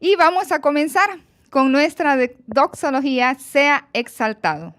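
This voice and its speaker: A woman's voice: high-pitched, lively intonation, a little slow, fairly bright tone. A woman presenting parts of a church service with formal, welcoming announcements.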